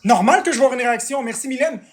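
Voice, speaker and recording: A man's voice: extremely high pitch, racing, roomy sound. A man with a Québécois French accent, a streamer venting in a heated, swearing rant at his chat. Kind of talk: angry livestream rant.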